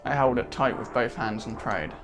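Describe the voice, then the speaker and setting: A man's voice: mid-range voice, normal speed. A man reading a game's narration aloud in a let's play, dramatic storybook reading with casual asides, game music behind.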